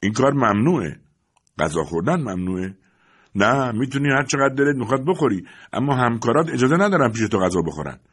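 A man's voice: medium pitch, expressive, fairly bright tone, slightly rough, pitched above the performer's own voice. A man voicing a curious, officious male official who lays down the rules.

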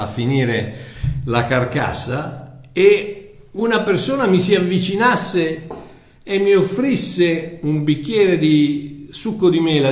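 Male preacher, slightly high voice, loose conversational sermon with restarts, echoey room. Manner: conversational, repeats words while searching for them.

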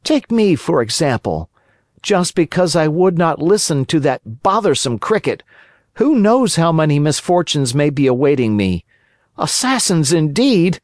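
A man puts on a boastful wooden puppet boy for a storybook reading, high and excitable, his voice swooping all over. The recording is close and dry. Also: unhurried, no echo.

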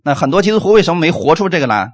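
A man preaching a sermon, animated and full of rhetorical questions, closing his points with "amen". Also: a little high, very fast.

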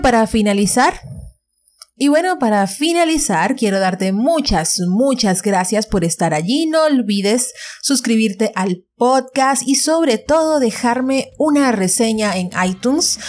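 A woman with a fairly high voice hosts her podcast, talking casually and directly to her listeners. She is chatty and often restarts or corrects herself mid-sentence. Faint music plays softly behind her. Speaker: podcast host. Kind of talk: casual solo podcast advice.

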